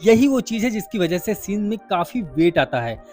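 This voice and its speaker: Male film reviewer, high voice, chatty and direct to camera, faint music underneath. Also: sing-song, normal speed, darkish tone. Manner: chatty, addresses viewers as brother and friend. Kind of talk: casual spoken film review.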